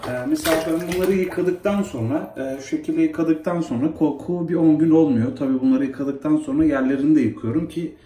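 A man's voice: on the high side, brisk, few pauses, dark tone, slight background noise. A man talking casually to his phone camera in a bathroom, coaxing and scolding his pets while he bathes them. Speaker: pet vlogger. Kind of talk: casual pet video chat. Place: bathroom at home, by a tub. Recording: echoey bathroom with running water. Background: water splashing in a tub.

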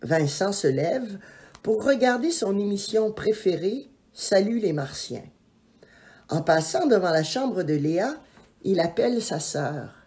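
A woman reading a children's story aloud in an expressive, measured way. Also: medium pitch. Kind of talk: scripted children's story narration.

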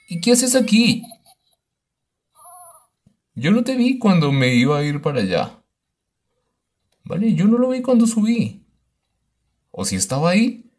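A man's voice: fairly high pitch, a little mellow. A man doing let's play commentary of a horror game, exclaiming and talking to the baby on screen. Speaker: gaming YouTuber.

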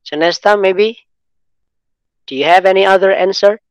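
A man's voice: sits high, measured pace, smooth, dry recording. Male English teacher, online lesson, encouraging, dry lo-fi call sound. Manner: encouraging, mixes English into explanations. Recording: dull lo-fi online call audio.

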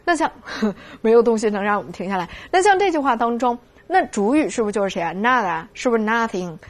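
A woman teaches vocabulary in a fairly high voice. She keeps asking rhetorical questions and drills each word slowly, twice over. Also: animated. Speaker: Spanish language teacher. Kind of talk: vocabulary lesson.

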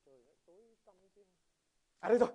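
A man's voice: rapid-fire, dark tone, slight background noise, close to an everyday voice. A man playing a thrifty middle-aged migrant worker riding home as a passenger, rambling and stammering in a stage comedy sketch.

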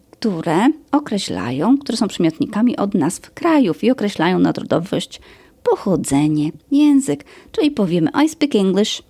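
A woman teaching English grammar in a podcast, slowly explaining rules and listing examples. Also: fairly low pitch, warm tone, husky, no room sound. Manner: slow, careful explaining with example lists.

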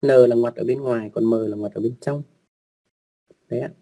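A man with a dark, gravelly voice and a husky edge talks an online class through writing rules. He goes slowly and patiently, repeating words, adding fillers and polite asides to his learners. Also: medium pitch, steady tone. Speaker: online language teacher.

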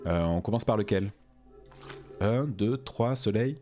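A man's voice: lowish voice, lively intonation, a little slow, mellow, soft background music. A man streaming a video game, joking and exclaiming as he plays. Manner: playful, jokey, exclamatory. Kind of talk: let's play commentary.

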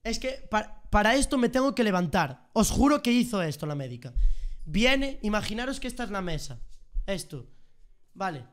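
High-voiced young Spanish man telling a story. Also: moderate pace. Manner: animated, sound effects and slang. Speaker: streamer. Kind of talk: casual storytelling vlog.

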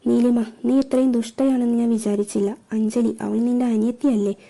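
A woman voicing a guilty young man on the phone, hurried and apologetic. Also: on the high side, little pitch movement, vocal fry, mellow. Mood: pleading.

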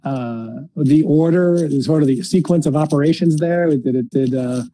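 A man hosting a casual discussion, speaking haltingly and often repeating words as he feels out each sentence. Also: on the high side, warm tone, dry recording. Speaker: podcast host. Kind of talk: casual discussion of a criminal case.

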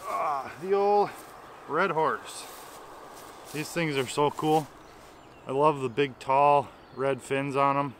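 A fishing vlogger in his thirties takes it slowly, pausing often, in a fairly bright voice on the high side, with slight background noise. He chats enthusiastically to the camera while fishing a small river from the bank and a canoe, explaining as he goes in a casual outdoor vlog.

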